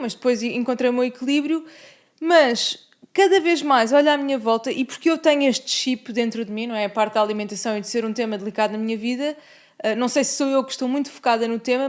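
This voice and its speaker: A woman's voice: high-pitched, brisk. A woman with a European Portuguese accent hosting an interview, reflective and sharing her own experience. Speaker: podcast host. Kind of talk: conversational interview.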